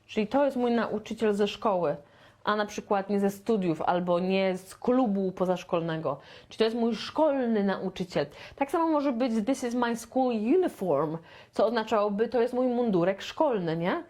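A woman from Poland teaching a beginner English lesson, chatty and playful, stretching out her model sentences very slowly. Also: medium pitch, a little mellow. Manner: slow, deliberate, with very drawn-out model sentences; chatty and playful, with sound effects.

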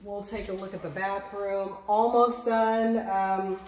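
A middle-aged real estate investor gives a relaxed, chatty tour of a house under renovation, pointing things out as someone else films on a phone. Her mid-range voice is slow and off-mic, echoing in the empty rooms, with a little hiss or hum.

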